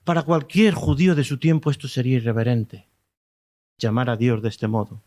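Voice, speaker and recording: A man with a Spanish accent preaching a sermon, explaining slowly, repeating key words and asking the congregation rhetorical questions. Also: mid-range voice, fairly even intonation, darkish tone. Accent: Spanish from Spain.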